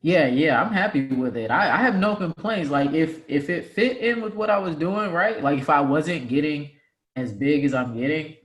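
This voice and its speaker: A man in his twenties talking casually as an interview guest, relaxed and rambling with lots of "like" and "right?". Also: on the high side, normal speed. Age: 20s. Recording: roomy, echoey room sound.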